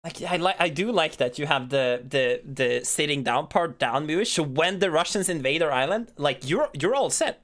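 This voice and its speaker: Woman, podcast co-host, casual chat, blunt, swears a lot, lowish voice, lively pitch. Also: normal speed, few pauses.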